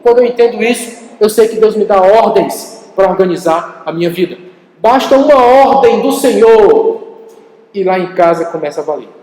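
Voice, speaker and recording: High-voiced Brazilian pastor preaching. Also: male voice, normal speed. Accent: Brazilian Portuguese. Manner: animated storytelling preacher, addresses congregation directly. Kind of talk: sermon. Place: church hall. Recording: echoey church hall, roomy reverb.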